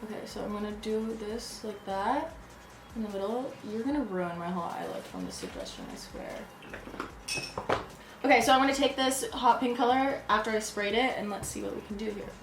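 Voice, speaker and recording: A young woman with a medium-pitched voice chats at a moderate pace through a makeup tutorial, giggling and clearly tipsy. As a makeup vlogger, she records in an echoey room with background music and some noise.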